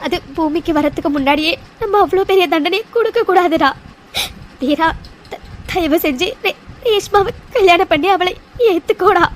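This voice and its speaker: A tearful cartoon mother who pleads with her grown son, as a woman voices her. The voice sits very high and breaks into weeping as she begs. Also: moderate pace, slight background noise. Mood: pleading. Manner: pleading, weepy. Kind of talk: cartoon voice acting.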